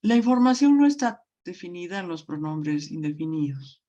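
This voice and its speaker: A woman's voice: fairly low pitch, sing-song, mellow, dull audio. A woman teaching a grammar lesson, explaining patiently and often checking that the class follows. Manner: slow, patient explaining with frequent check-ins.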